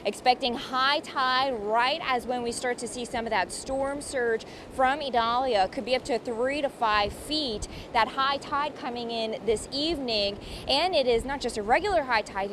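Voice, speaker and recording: Woman weather reporter, faint ambient noise. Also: on the high side. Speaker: meteorologist reporting live. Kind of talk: live TV weather field reporting, explanatory.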